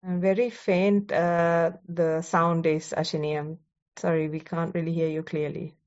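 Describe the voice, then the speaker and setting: A female moderator keeps an online question session running in a polite, apologetic way. Her voice is slightly low for a woman. The sound is muffled, as over a video call. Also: flat delivery, a little slow, a little mellow.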